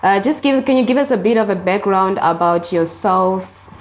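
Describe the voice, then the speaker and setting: A woman's voice: medium pitch, normal speed, slight background noise. A woman hosting a talk show interview, polite, with some hesitant fillers when she asks questions.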